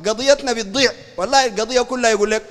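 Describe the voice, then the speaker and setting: A Sudanese sheikh with a Sudanese Arabic accent delivers a fiery, polemical religious lecture in an extremely high, fairly bright voice that races along. He raises his voice and keeps asking his listeners whether they understand, while a long hall reverb hangs on the sound.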